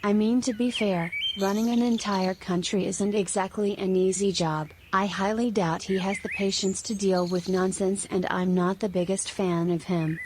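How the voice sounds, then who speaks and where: A woman voicing an impatient, snappy young student in an animated cartoon. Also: medium pitch, normal speed, few pauses, noisy background, natural voice.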